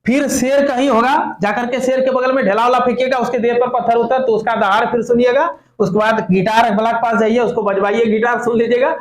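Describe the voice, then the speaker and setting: High-voiced male teacher. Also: steady tone, brisk, few pauses, roomy sound. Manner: asks the class questions and jokes with students. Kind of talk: classroom physics lesson. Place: classroom.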